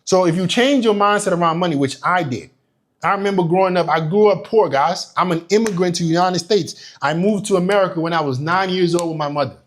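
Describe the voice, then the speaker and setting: A young Nigerian business coach with a high, fairly quick voice gives a motivational business talk. He is emphatic and profane, driving his points home through repetition.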